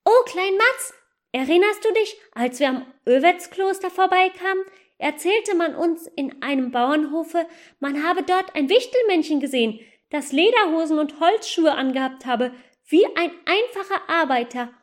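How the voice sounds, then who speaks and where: A woman's voice: very high voice, animated, moderate pace, pitched above the performer's own voice. A woman playing an eager young goose girl.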